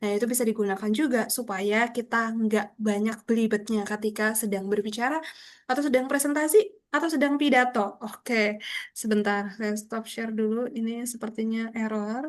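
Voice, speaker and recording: A woman's voice: a little high, fairly even intonation, normal speed. A young woman lecturing a public speaking class over a video call, explaining patiently with frequent tag questions. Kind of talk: online class instruction.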